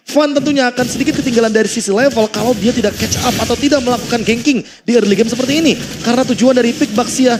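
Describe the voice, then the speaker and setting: Fast, high-voiced Indonesian male esports analyst. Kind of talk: analytical live match commentary. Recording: clear background noise behind the voice.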